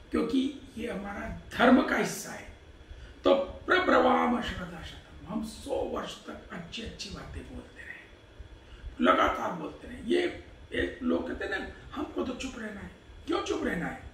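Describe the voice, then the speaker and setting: A man's voice: high voice, creaky, sharp tone, a little hiss or hum. A man giving a Hindi religious discourse, reciting Sanskrit verses and explaining them, asking questions and answering them himself. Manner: explanatory, asks and answers his own questions. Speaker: Vedic discourse speaker. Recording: echoey room, distant mic.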